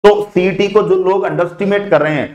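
Hindi teacher in an echoey room. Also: male voice, high-pitched, steady tone, darkish tone, muffled recording. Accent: Rajasthani Hindi. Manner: brisk listing of topics with frequent "theek hai" fillers; addresses students familiarly as "beta". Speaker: exam prep teacher. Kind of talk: online exam coaching lecture.

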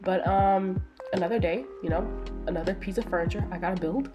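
A woman's voice: fairly low pitch, fairly quick. A young woman from Florida with a stuffy nose, narrating a home video in a chatty, self-mocking voice-over full of fillers. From Florida, USA. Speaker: lifestyle vlogger. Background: loud background music.

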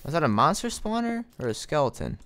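A man's voice: a little high, sing-song, a little fast, a bit bright, slight background noise. A young man giving casual gameplay commentary, swearing and sarcastic as things go wrong. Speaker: gaming commentator.

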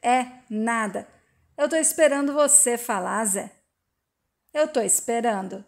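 A woman's voice: on the high side, a little slow. A woman reading as a hurt, reproachful rancher's wife. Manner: sharp, reproachful questioning. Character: hurt rancher's wife, middle-aged, proud.

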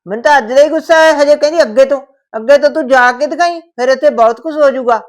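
In a village short-film drama, an actress with a Punjabi accent plays a stern, suspicious older mother-in-law who scolds and lectures. Her natural voice is a little high and a little quick.

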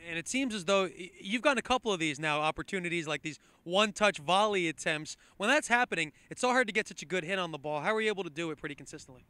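Fast, bright sideline interviewer man. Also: high voice, animated, no room sound. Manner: quick, upbeat broadcast delivery. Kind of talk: postgame sports interview. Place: outdoor soccer field at night. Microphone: handheld mic.

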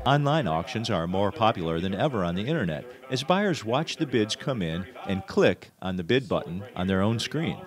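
A man's voice: lowish voice, big pitch swings, normal speed, few pauses. An American man narrating a scripted news feature as a TV reporter. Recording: crowd noise behind voice-over. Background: event crowd.

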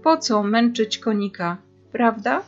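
A woman teacher reads a children's novel aloud in an expressive storytelling manner. She takes her time and her voice sits a bit high. The recording is dull and lo-fi, with faint guitar music underneath. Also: slow.

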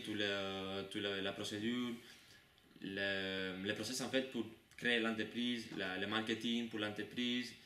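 A man's voice: lowish voice, pushed and bright. A young man from Cuba, a student, talking fluently and at length about his course. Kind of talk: interview answers. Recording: echoey room, mic at a distance, noise.

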